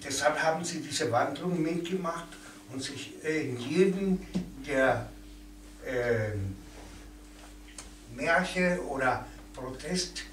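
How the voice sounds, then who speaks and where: A man interpreting a talk, searching for words and pausing on fillers as he goes. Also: on the high side, a bit bright. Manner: hesitant, many fillers and restarts. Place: event room in a café. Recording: roomy, distant mic, faint noise.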